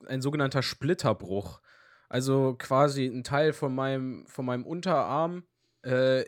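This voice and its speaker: A young man co-hosting a podcast, telling anecdotes in a lively, slangy way. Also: mid-range voice, no echo, clean studio sound. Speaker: podcast co-host. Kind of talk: casual chat.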